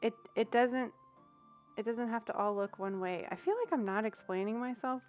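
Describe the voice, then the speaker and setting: A young woman streamer gives tarot readings on a livestream, chatting casually with viewers and thinking aloud with lots of fillers. Her voice is a little high with a darkish tone, she talks at normal speed, and soft music plays in the background.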